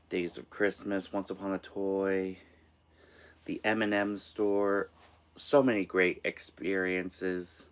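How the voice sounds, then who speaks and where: An American man from Maine hosting a casual live stream of tips from inside an RV, halting and restarting his phrases. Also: deep voice, fairly bright tone. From Maine, United States. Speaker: host of a live show.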